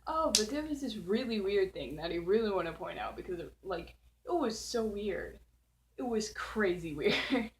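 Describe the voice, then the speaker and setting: A woman's voice: mid-range voice, expressive, normal speed, low-quality recording. A teenage girl hosting her channel, casually telling a spooky story at home in a rambling way, full of "like" fillers and giggles. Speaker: channel host. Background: faint background noise.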